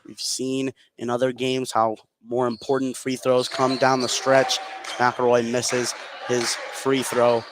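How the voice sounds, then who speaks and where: Slowly and flatly, in a mid-range voice, a man announces a live basketball game, his clipped present-tense phrases following the action. Clear gym noise fills the background.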